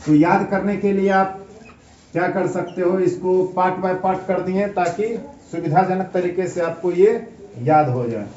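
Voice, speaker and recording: A man's voice: sits high, moderate pace, a little mellow, a little hiss or hum. A male teacher giving a grammar lesson, asking his class questions, answering them himself, and spelling out words letter by letter. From India. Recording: echoey room, picked up from a distance, slightly dull.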